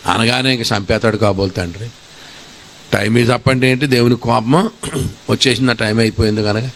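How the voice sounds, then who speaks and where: A middle-aged male pastor tells his testimony in an animated, storytelling way. He acts out his own prayers and conversations. He drops English phrases into his speech, with a faint hiss of noise behind him. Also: medium pitch, moderate pace.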